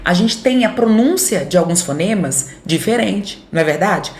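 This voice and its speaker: A woman's voice: medium pitch, lively intonation, moderate pace, darkish tone, a little hiss or hum. A Brazilian woman teacher with a Center-West accent gives a recorded grammar lesson, explaining step by step, checking in with her students and voicing their imagined questions. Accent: Brazilian Portuguese, Center-West. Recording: echoey room.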